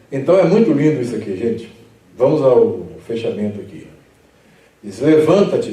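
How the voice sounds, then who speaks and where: A man's voice: mid-range voice, warm tone. Man teaching scripture in an echoey room. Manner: explains patiently, reads scripture slowly and emphatically, chuckles often. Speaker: pastor and Bible teacher. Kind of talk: Bible study lesson. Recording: echoey room, mic at a distance.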